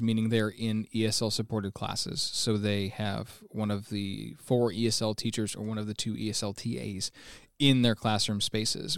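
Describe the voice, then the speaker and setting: Clear and resonant, with a lowish voice, an American man in his twenties gives eager, explanatory answers as a guest in a conversational interview. He works as an ESL teacher, and the recording is dry.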